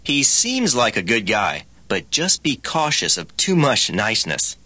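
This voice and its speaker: A man reading scripted practice dialogues for a language lesson, with expressive, swooping line readings. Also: mid-range voice, a little slow.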